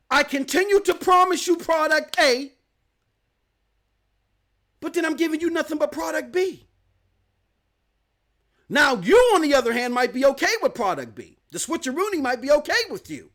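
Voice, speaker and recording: Animated, high-voiced ranting man. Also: moderate pace, long pauses. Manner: emphatic, rhetorical questions, slangy. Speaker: gaming news host. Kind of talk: live-stream rant.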